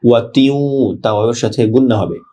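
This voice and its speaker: A Bangladeshi man teaching tajweed. He recites verses slowly and drawn out, then explains each sound in quick plain speech. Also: medium pitch, a little mellow. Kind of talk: tajweed lesson, word-by-word explanation.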